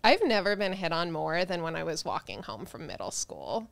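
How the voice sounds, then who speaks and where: A woman's voice: on the low side, very animated, normal speed, vocal fry, dry recording. A woman in her thirties from New Jersey, chatting casually as a guest comedian on a podcast and laughing often. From New Jersey, United States. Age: 30s.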